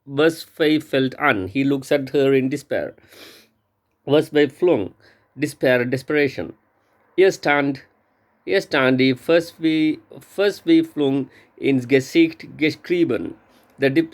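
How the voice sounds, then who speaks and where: Guy reading vocab out of his textbook, slow and careful, keeps restarting words. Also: mid-range voice, a little mellow. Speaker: language learner.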